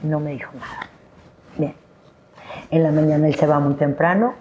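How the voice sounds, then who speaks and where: A woman's voice: fairly even intonation, normal speed, warm tone, a little hiss or hum. Woman telling her story, acting out voices. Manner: acts out her own past words with sudden high-pitched bursts. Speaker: podcast guest. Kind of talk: emotional personal storytelling.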